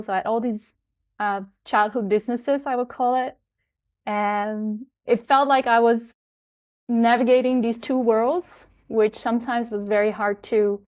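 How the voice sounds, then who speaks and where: A woman from the Netherlands in her thirties, a guest in an interview, talking reflectively with fillers and soft laughs. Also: a little high. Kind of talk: conversational interview.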